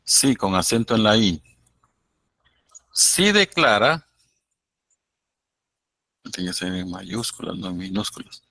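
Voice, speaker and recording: A male law professor gives a university lecture in a bright, forceful voice that sits a little low. He explains at an unhurried pace and slips into acted-out courtroom dialogue. The recording is dry and close. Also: big pitch swings, vocal fry, no room sound. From Guatemala. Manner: explains slowly, acts out courtroom exchanges.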